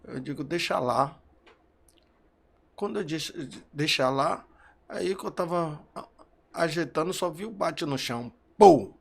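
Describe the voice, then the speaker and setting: A grieving man with a gravelly, fairly high voice speaks in an interview. He tells his story in broken, repeating phrases, and his voice lifts when he recalls shouting for help. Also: normal speed. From Brazil. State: emotional. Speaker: bereaved father interviewed. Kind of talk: emotional testimony.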